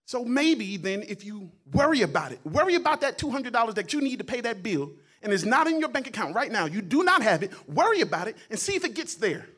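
A man preaching a sermon as a guest pastor, loud and emphatic in places and quiet in others, often repeating his words and phrases. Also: extremely high pitch, big pitch swings, fairly quick, hardly any pauses. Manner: preaching, swings between quiet asides and loud emphatic calls.

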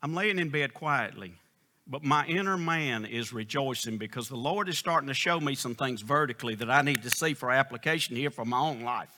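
A man preaching a sermon, reading scripture in King James wording and telling folksy, humorous stories. He rises to loud, emphatic questions and drops to quiet, low storytelling. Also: brisk.

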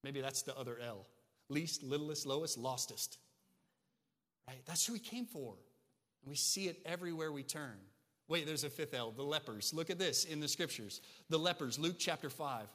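A man preaching a sermon as a pastor, talking in a conversational, animated way that swings between hushed and emphatic. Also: a little high, normal speed. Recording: long reverb of a large hall.

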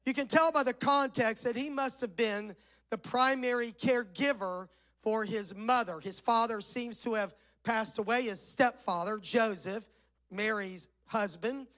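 A man with a Southern US accent preaching a sermon as a pastor, his voice rough, hoarse and hollow as if inside a barrel, phrasing deliberately. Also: very high voice, a bit bright, rough recording. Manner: deliberate phrasing with scripture recitation.

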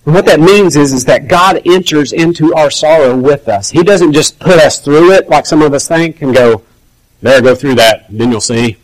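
Conversational preacher, fairly high male voice. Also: moderate pace, few pauses, rough recording. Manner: conversational, acts out quoted voices. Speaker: pastor. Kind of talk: sermon.

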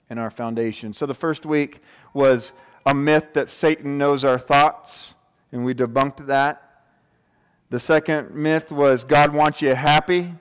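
A man's voice: a little high, clear, resonant tone. A man around his forties preaching a casual sermon to a congregation, informal and joking, checking in with rhetorical questions. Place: large room, speaking to a congregation. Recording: long hall reverb.

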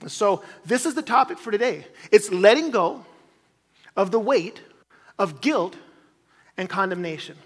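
High-voiced pastor preaching in a reverberant hall. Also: male voice, animated, unhurried, pauses often. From grew up in Chile as a missionary kid. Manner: conversational preaching with restarts and asides. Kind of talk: sermon.

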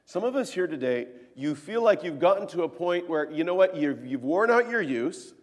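Earnest pastor preaching in a reverberant hall. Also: male voice, on the high side, sing-song, normal speed. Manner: earnest, swings from hushed to emphatic. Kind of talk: sermon. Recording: long reverb of a church hall.

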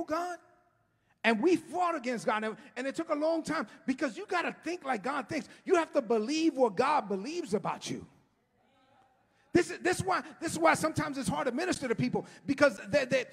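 A middle-aged man preaching an impassioned sermon as a pastor, often shouting and stretching his words, recorded in a church sanctuary. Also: extremely high pitch, creaky. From United States. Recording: long hall reverb.

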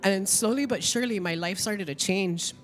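A woman's voice: medium pitch, normal speed, in a large hall, faint music behind. A middle-aged woman giving an emotional, chatty Easter testimony at church, saying "like" often.

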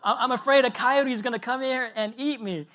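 A man's voice: extremely high pitch, fairly even intonation, brisk, a bit bright, pitched above the performer's own voice. A man voicing his curious, clingy three-year-old son in a story within a sermon, with pleading, childish questions.

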